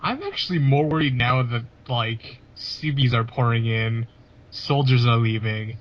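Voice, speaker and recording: A man's voice: medium pitch, unhurried, muffled recording. A man playing a tabletop game, musing aloud and trailing off. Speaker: player. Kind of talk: casual tabletop play.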